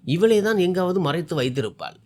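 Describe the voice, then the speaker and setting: A man's voice: sits high, big pitch swings, a little fast, pitched above the performer's own voice. A scheming, falsely innocent mother-in-law, read by a man. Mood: feigned sorrow. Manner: feigned innocence, blaming.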